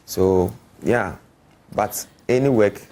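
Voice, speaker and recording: A man's voice: fairly low pitch, takes it slowly, darkish tone. A man, an artist talking casually and explaining things in an interview. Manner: explanatory, often checking the listener follows.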